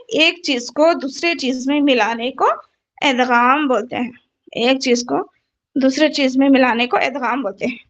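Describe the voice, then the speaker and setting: A woman's voice: high-pitched, fairly bright tone, muffled recording. A woman tajweed teacher explaining recitation rules patiently, repeating each rule and asking her students questions. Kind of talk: online Quran recitation lesson.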